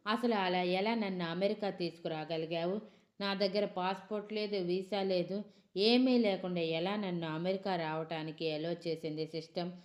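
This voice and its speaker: A woman voicing an angry, bewildered young woman who has been kidnapped and shouts indignant questions. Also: mid-range voice, animated, moderate pace, pauses often, voice pushed up, close to an everyday voice. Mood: furious.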